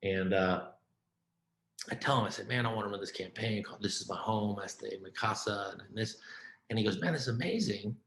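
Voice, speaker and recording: A man giving a conference keynote, telling his life story in a casual, animated way, often saying "man" and "right?". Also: fairly low pitch, fairly quick, reverberant, a little hiss or hum, poor audio. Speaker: keynote speaker.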